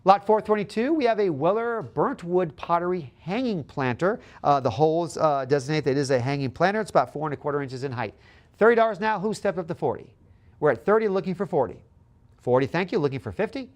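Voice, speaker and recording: Male auctioneer, high voice, steady bid-calling patter with repeated figures and calls for the next bid. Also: fast talker.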